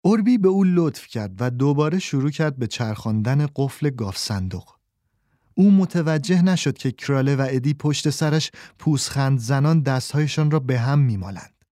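A man narrating a children's storybook in a calm, measured reading voice, close to the mic. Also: mid-range voice, dry recording.

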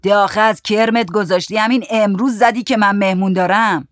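Narrator playing a cranky sick old grandpa, storybook, loud and irritable. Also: male voice, high voice, no echo. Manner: shouting, irritable.

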